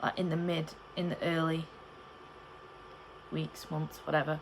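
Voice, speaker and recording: Low-voiced young woman vlogging. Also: flat delivery, measured pace, background noise. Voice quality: cannot pronounce P in the middle of words. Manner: chatty, rambling storytelling. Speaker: pregnancy vlogger. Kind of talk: casual chat to camera.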